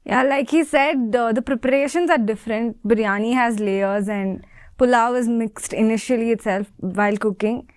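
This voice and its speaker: Nineteen-year-old woman, fairly high voice, calm, dry close sound. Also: normal speed, no echo. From India. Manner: calm, matter-of-fact. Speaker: panelist. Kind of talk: student panel discussion.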